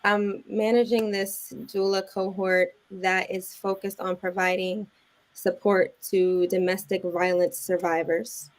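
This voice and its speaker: A woman appearing as a talk show guest, her voice at a middling pitch. She answers in a calm, thoughtful and encouraging way, in relaxed conversation. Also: a little slow. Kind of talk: casual interview answers.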